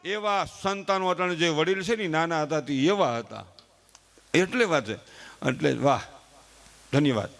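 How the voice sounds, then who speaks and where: Speaking at normal speed with a somewhat high, creaky, fairly bright voice and frequent pauses, a middle-aged comedian performs a chatty, folksy monologue live. He speaks directly to the crowd and acts out family members he quotes.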